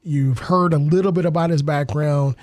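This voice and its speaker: A man hosts a local radio talk show. He speaks earnestly in a slightly raised pitch. His voice is dry and close to the studio microphone. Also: fairly even intonation, normal speed, darkish tone, no room sound. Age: 30s. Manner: earnest, civic-minded, repeats words while thinking. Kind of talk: radio interview and commentary.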